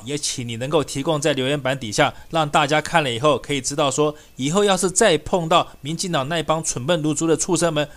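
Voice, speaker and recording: Fast, combative male political commentator. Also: a little high, fairly bright tone. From Taiwan. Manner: combative, scornful, rapid ranting. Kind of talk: opinion monologue.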